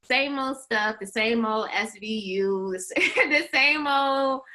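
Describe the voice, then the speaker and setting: A young woman with a clear, bright voice runs a coaching webinar for law school applicants. She talks in a loose, animated, chatty way, with plenty of "like" and quick laughs between phrases. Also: on the high side. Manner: chatty, animated, heavy use of "like". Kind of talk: webinar presentation.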